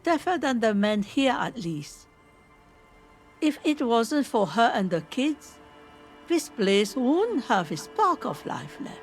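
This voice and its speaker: A very old washerwoman for a video game. She is plainspoken and resigned, with a folksy manner and an expressive rise and fall in her speech. Faint music plays behind her. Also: a little high, takes it slowly. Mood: weary, resigned. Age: older. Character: old washerwoman of a poor fishing village, weary, plainspoken. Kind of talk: video game dialogue acting.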